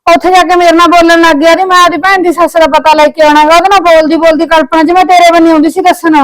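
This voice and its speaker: A woman's voice: very high voice, little pitch movement, very fast, fairly bright tone, rough recording. A woman playing an elderly mother who is hurt from a fall, groaning and wailing in pain as she talks. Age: older. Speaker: mother-in-law.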